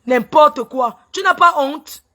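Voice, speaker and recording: A woman's voice: sits high, takes it slowly, bright, forceful tone. Tearful, indignant woman ranting live. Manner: agitated, repetitive, indignant questioning. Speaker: livestreamer airing a complaint. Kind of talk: emotional social media live rant. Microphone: phone on a live stream.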